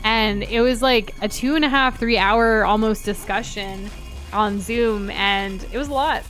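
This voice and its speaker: Woman, higher-pitched voice, playful, giggly, casual livestream co-host, reads out chat, music in background. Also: measured pace, a bit bright. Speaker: livestream co-host reading viewer comments.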